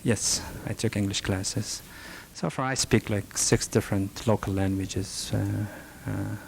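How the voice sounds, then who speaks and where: A middle-aged rug merchant from northern Afghanistan answers audience questions at his talk, his low, gravelly voice holding a steady, level tone. He's soft-spoken and halting, often stopping to restart or reach for fillers. This low-quality archival recording from a library meeting room has a faint hiss underneath.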